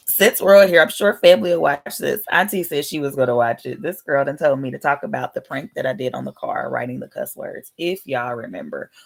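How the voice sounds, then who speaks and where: A woman's voice: rumbling low, a little fast, gravelly, hardly any pauses. A woman in her thirties chatting casually as host of a family card game, rambling and thinking aloud in slangy speech. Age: 30s. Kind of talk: casual chat.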